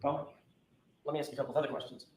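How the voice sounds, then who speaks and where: A man's voice: fairly high pitch, steady tone, very fast, a little mellow. A man working as a defense attorney, pressing a witness with pointed, insistent questions in a courtroom recording. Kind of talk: courtroom cross-examination. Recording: echoey courtroom recording with faint noise.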